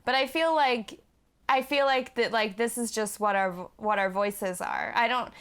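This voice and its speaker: A woman's voice: fairly high pitch, sing-song, moderate pace, a bit bright, clear, resonant tone. A woman co-hosting a casual podcast chat, laughing often and restarting her sentences.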